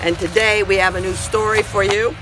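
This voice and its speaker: Over loud music on a rough recording, a man with a high, fairly even voice speaks quickly. He hosts a storytime for young children, chatting casually and reading a picture book aloud in a folksy way, repeating questions and talking aloud to a companion.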